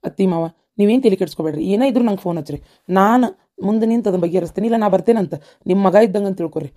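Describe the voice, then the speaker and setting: A woman's voice: mid-range voice, warm tone, lightly acted. A woman voicing an earnest, devoted young husband in a cartoon, with a North Karnataka Kannada accent. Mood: reassuring. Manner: fast and earnest.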